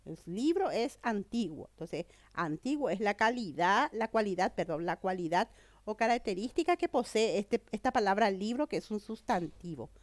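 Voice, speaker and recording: Her medium-pitched voice has lively intonation and a moderate pace, recorded without echo. A woman teacher fighting a cold explains a grammar point, frequently pausing to ask "¿verdad?" or "¿mm?" to make sure students are with her.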